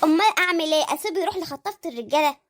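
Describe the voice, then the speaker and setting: A high sped-up voice playing a jealous, nagging middle-aged wife and mother in a comic cartoon, with an Egyptian accent and a shrill, wailing manner. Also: lively intonation, rapid-fire, a bit bright. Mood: scheming. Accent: Egyptian Arabic.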